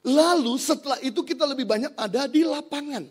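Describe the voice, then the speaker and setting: A middle-aged man from Indonesia preaching a sermon, his voice sitting high for a man. He tells his stories in a low, hushed tone, then rises to loud, emphatic declarations. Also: brisk. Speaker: pastor.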